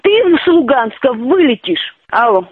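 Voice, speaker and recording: A very high-voiced woman scolding a caller over a tinny phone line. Her pitch swings widely as she tells him off. The sound is thin and phone-like. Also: very animated, unhurried, crowd noise. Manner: stern, scolding. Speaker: call recipient at a workplace. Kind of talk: phone conversation.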